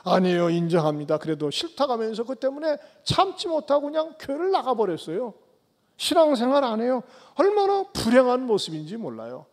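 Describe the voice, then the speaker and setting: A man preaching a sermon as pastor, tossing rhetorical questions at the congregation and swinging between loud calls and soft low asides. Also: huge pitch swings, a little fast. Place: church sanctuary. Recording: long church hall reverb.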